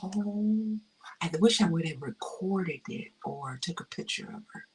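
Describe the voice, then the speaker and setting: A woman's voice: lowish voice, expressive, measured pace, a little mellow, husky, far from the mic. A woman hosting a casual crafting livestream, effusive and heartfelt, repeating her phrases and dropping to a whisper at times. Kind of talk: casual live-stream chat.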